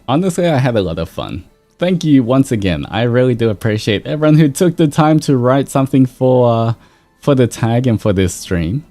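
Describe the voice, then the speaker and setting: With background music underneath, a livestreaming VTuber host chats to his viewers in an easygoing, wandering way. His voice is medium in pitch and dark in tone.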